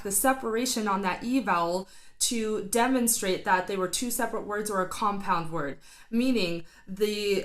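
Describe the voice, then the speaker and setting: Speaking as a vocal coach, a non-Filipino woman trained in singing reacts with casual enthusiasm, analysing a singer's technique and filling her thinking-aloud with fillers. Her voice is mid-range and a bit bright.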